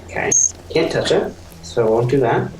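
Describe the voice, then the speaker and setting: A man's voice: medium pitch, lively intonation, moderate pace, a little mellow, roomy sound, slight background noise, rough recording. A man playing in a tabletop game, chatting casually and laughing as he tells what his character does. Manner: playful, laughs while telling his moves. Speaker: player.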